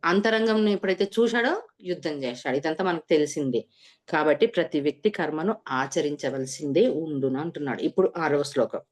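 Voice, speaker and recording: A woman explains scripture to her listeners in a fairly low voice. She works through each verse, poses rhetorical questions and answers them herself. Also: a little fast, a little mellow. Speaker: spiritual teacher. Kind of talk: scripture lesson.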